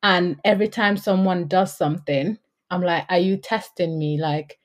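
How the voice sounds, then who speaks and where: A woman's voice: fairly low pitch, normal speed. Chatty woman, laughs as she talks. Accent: London English, faint Yorkshire. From Gambia. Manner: animated, laughs often, quotes herself. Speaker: podcast co-host. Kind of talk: casual chat.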